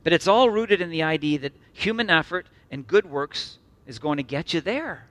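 Earnest, bright-voiced male preacher. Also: on the high side, animated, no echo. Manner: earnest, emphatic, with slow repeated phrases and sudden soft drops. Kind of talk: sermon.

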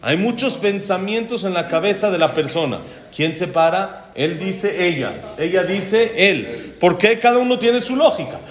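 A man, giving a religious lecture as a rabbi, who explains verses slowly, translates them and adds touches of humor. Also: high-pitched, expressive. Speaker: rabbi teaching a class.

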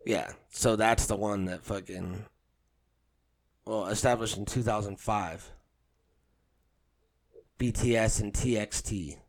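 A man's voice: fairly low pitch, fairly even intonation, slow, pauses often. A man chatting casually as a co-host, irreverent and sardonic, swearing freely. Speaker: co-host commenting on pop music groups. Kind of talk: casual, joking chat.

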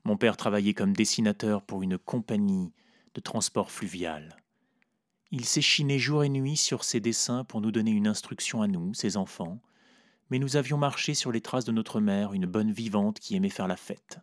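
A man narrating a literary story in a measured, reflective way. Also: fairly low pitch, no echo, studio quality.

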